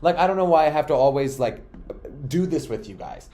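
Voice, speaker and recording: A man hosting a pop culture commentary show, sassy and profane, swinging between loud outbursts and low, muttered asides. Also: expressive, fairly quick. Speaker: host.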